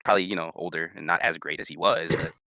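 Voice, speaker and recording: A young man co-hosting a casual sports podcast, rambling and repeating words, his pitch jumping up when he gets emphatic. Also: fairly even intonation, fast talker, sharp tone, no echo. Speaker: podcast co-host.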